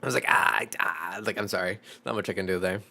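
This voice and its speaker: A man's voice: low-pitched, very fast, gravelly, fairly bright tone. Rambling, profane young male streamer. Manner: rambling and profane, with many fillers. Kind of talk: casual live-stream chat.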